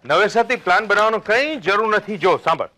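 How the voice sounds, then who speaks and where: A pushy, joking middle-aged suitor in a stage drama, with a bright, fairly high voice that leaps up and down as he coaxes and teases. He talks fast and playfully, half mocking and half eager, always nudging toward a quick wedding. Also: expressive, a little hiss or hum. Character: teasing, impatient middle-aged man eager to marry his lover. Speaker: stage actor. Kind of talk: stage play acting.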